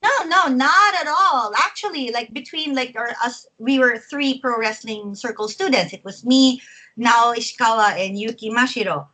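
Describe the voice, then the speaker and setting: A woman's voice: fairly high pitch, moderate pace, pushed and bright, low-quality recording. A woman in her forties from the Philippines, a wrestler chatting as an interview guest and laughing often between phrases. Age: 40s. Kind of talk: casual interview chat.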